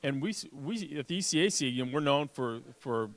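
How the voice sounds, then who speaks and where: A man being interviewed, talking in an upbeat, conversational way with halting repeats. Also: mid-range voice, expressive, fairly bright tone. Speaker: sports conference commissioner being interviewed.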